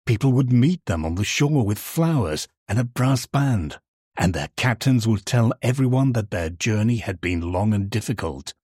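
Guy reading a grumpy old lantern from a storybook, low husky mutter, dreamy. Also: lively intonation, moderate pace, a little mellow, no echo, studio quality. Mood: dreaming. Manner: complaining, muttering, daydreaming. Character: old, lonely, grumbling male street lantern.

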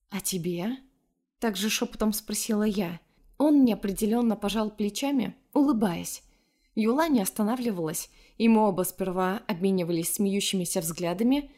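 Woman calmly narrating a story. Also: mid-range voice. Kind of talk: scripted first-person story narration.

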